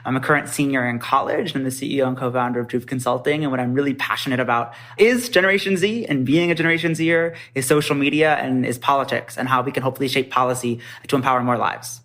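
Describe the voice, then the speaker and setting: Rapid-talking man in his early twenties. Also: medium pitch, a bit bright. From New Jersey, United States. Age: early 20s. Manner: rapid, eager self-introduction. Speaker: guest, startup founder.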